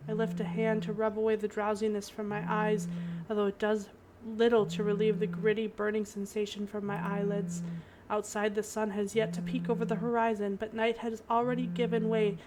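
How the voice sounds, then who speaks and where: A woman's voice: medium pitch, monotone, brisk, very noisy. A woman streamer narrating a visual novel aloud, breaking off for giggly asides. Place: home.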